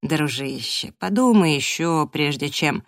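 A woman voicing a sly, scheming male detective boss who talks slowly and coaxingly in an audiobook. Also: sits low, lively intonation, no echo, studio quality. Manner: slow, drawling, coaxing.

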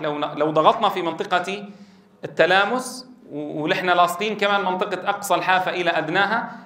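A man's voice: high-pitched, a bit bright, roomy sound. A middle-aged man teaching a classroom lesson, explaining and quizzing his students and drilling sounds aloud. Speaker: Quran recitation teacher.

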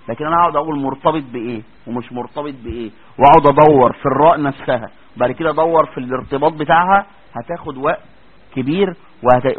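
A man's voice: fairly high pitch, husky. A man with an Egyptian accent teaching Quran recitation in a classroom lecture. He explains each rule step by step and keeps asking if the students are following. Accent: Egyptian Arabic. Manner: explains step by step, checks understanding with frequent questions. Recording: tinny lo-fi lecture recording.

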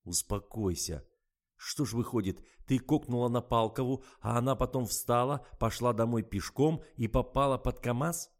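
A man reading an audiobook, voicing a calm, precise male publisher with a lightly ironic manner. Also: mid-range voice, moderate pace, voice pushed up, close to an everyday voice. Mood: reasoning.

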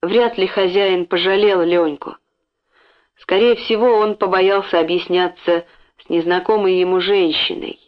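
A woman narrating a children's story in an expressive storytelling way, in a dull lo-fi recording. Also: on the low side, measured pace. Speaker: audiobook narrator.

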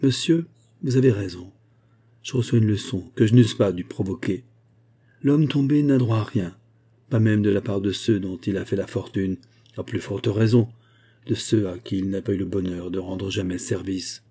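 A man's voice: on the low side, moderate pace, warm tone, husky. A man reading as a proud, weary nobleman. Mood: resigned. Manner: cold and dignified. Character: proud weary male superintendent, noble in defeat. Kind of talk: audiobook character reading.

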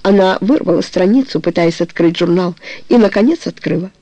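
An audiobook narrator reading a novel in a measured, even storytelling manner. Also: mid-range voice, no echo. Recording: dull lo-fi recording.

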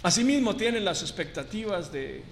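Man, preacher, high voice, emphatic and deliberate, long hall echo. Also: lively intonation, vocal fry. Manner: emphatic, slows down on key words, addresses the congregation as brothers. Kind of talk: sermon.

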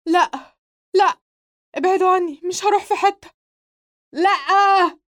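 A woman's voice: high-pitched, fairly quick, a bit bright, smooth, dry recording, studio quality, pitched above the performer's own voice. A woman with an Egyptian accent voicing a frightened young man who wakes screaming from nightmares, reading audiobook dialogue. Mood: screaming terror. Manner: panicked screaming and sobbing after waking.

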